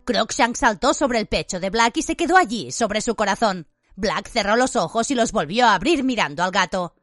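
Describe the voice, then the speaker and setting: A woman narrating an audiobook in an expressive, vivid reading style. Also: medium pitch, moderate pace, dry recording, clean studio sound.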